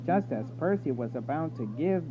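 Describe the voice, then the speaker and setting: Over music, a storyteller with a highish voice narrates a children's book with lots of animation, speaking at normal speed. The recording sounds thin, like a phone line, and loud noise and hum sit behind him.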